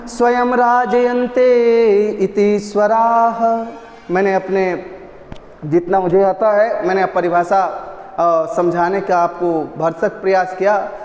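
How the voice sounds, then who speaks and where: A man's voice: sits high, a little mellow. A man teaching an exam-prep lesson, repeating terms and chanting lines to drill them. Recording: echoey roomy reverb.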